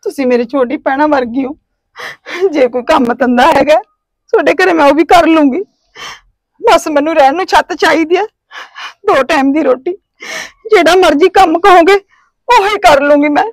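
A woman's voice: high voice, brisk, no room sound. A woman playing a sobbing, pleading cast-out wife. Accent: Punjabi. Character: tearful homeless wife begging for work. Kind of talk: village family drama acting.

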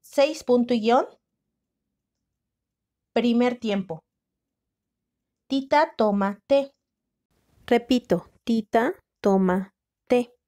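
Slow-dictating woman teacher. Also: fairly high pitch, mellow. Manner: syllable by syllable, with long pauses. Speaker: first-grade teacher. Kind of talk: slow sentence dictation for children.

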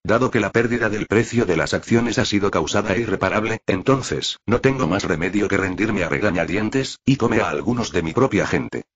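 A man's voice: fairly low pitch, expressive, a little fast, few pauses, slightly rough, dull audio. A man reading a greedy minotaur tycoon. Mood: scheming. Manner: gloating, greedy and furious. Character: cruel bull-headed minotaur tycoon, male, huge.

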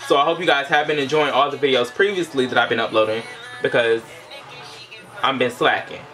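A man's voice: medium pitch, brisk, bright, forceful tone, faint music behind. A young man chatting casually to camera as a vlogger, informal and full of playful asides. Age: young adult. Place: small indoor room.

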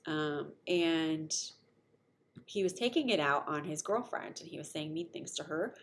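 A woman's voice: low-pitched, expressive, unhurried, a little hiss or hum. A middle-aged woman giving a casual recorded lecture to college students, conversational with frequent fillers. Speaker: college instructor.

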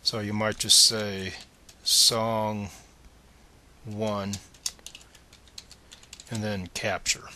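This tutorial presenter, a man, delivers a screencast with step-by-step computer directions. His fairly low voice carries a bright, forward edge, and he sounds plain and methodical.

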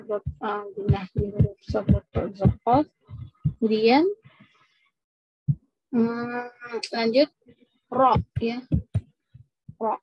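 A woman's voice: on the high side, husky, no room sound, highs cut off. A woman teaching Quran recitation rules at a mosque women's session, patiently drawing out Arabic example words. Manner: patient, drawn-out demonstration of Arabic sounds. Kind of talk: tajweed lesson with recited examples.

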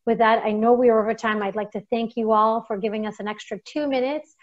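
A woman hosting an online seminar, wrapping up with thanks and announcements in a measured way over a video call. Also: a little high, steady tone. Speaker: webinar host. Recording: dull lo-fi call audio.

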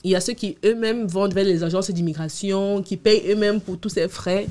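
Her voice is medium-pitched, steady and a little mellow at normal speed: a woman in her thirties from abroad, now living in Canada, appearing as a podcast guest. She answers casually with hesitations and repeated words, in a small indoor studio with headphones and a boom-arm studio mic.

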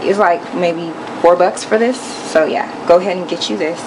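Low-voiced young woman cooking at home. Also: normal speed. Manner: relaxed step-by-step explaining with fillers. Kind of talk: casual cooking demonstration. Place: home kitchen at the stove. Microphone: camera held over the counter. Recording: loud kitchen noise behind voice. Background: pots, pans and sizzling.

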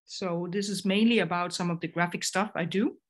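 Speaking a little fast with a fairly low pitch and a steady tone, a middle-aged woman from Denmark presents a design lecture on a video call. The graphic designer and educator has a Danish accent and stumbles through many fillers and restarts.

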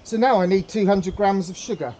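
A man's voice: sits high, fairly quick, mellow, dull audio, slight background noise. A man hosting a casual how-to demonstration, talking hesitantly with many fillers and repeated words. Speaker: pipe tobacco hobbyist, channel host.

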